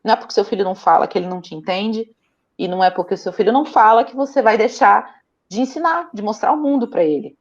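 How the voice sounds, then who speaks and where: Young woman, brazilian portuguese accent, lively storytelling, slightly dull lo-fi sound. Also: mid-range voice, fast talker. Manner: animated storytelling, laughs often. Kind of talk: casual interview chat.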